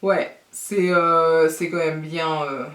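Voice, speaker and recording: A woman from France giving a casual makeup tutorial, talking chattily with many fillers and pauses. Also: sits low, steady tone, a bit bright. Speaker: beauty vlogger. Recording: roomy echo, distant mic.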